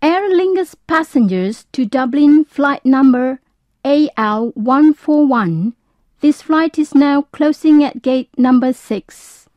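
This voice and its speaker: A woman's voice: high voice, expressive, takes it slowly, no echo. A woman playing a formal airport announcer reading scripted announcements on a lo-fi recording.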